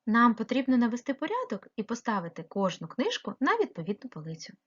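Female primary teacher, patient and questioning, breathy voice, muffled recording. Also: a little high, wildly swooping pitch, fast talker, a bit bright. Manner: patient, questioning, explaining step by step. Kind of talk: remote lesson narration.

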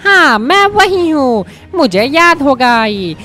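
A woman's voice: high voice, sing-song, slow pace, bright, forceful tone, soft background music, full character voice. A woman voicing a scrawny, vengeful male Hulk king in a game story, sneering and menacing.

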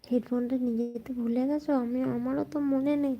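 A woman hosting a casual late-night live chat, talking softly and answering viewer comments as they come in. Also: on the high side, steady tone, fast talker, highs cut off. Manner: speaks softly so as not to wake sleeping family. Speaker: live stream host chatting with viewers.

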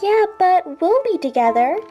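A woman plays a young cartoon pony, playful and naive. The voice is pushed up high and squeaky, bouncing around eagerly in pitch. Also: big pitch swings, normal speed, mellow, muffled recording, soft background music.

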